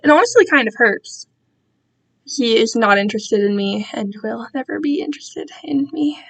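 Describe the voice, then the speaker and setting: Alone in her own room, a young adult woman streams and talks to her viewers in a loose, digressive way, full of slang and jokes at her own expense. Her voice sits fairly high, expressive and creaky, at a normal pace.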